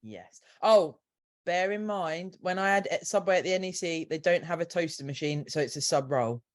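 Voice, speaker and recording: A speaker co-hosting a podcast in casual chat, reacting quickly and laughing often. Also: medium pitch. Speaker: podcast co-host.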